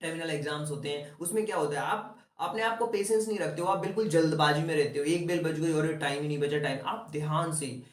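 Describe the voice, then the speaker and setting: A young male teacher coaches students through an exam-prep lesson, slipping English terms into his chatty explanations. His voice sits a little high. He is heard in an echoey room, set back from the microphone. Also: fairly quick, hardly any pauses, recorded from a distance. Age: young adult.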